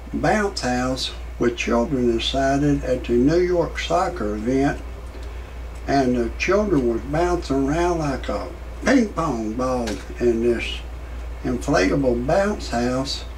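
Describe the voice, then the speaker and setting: A man in his sixties hosting a comedic parody monologue, rambling in a deadpan way with many fillers. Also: slight background noise, poor audio. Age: 60s. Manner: shouts quoted lines in a much higher voice. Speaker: parody show host.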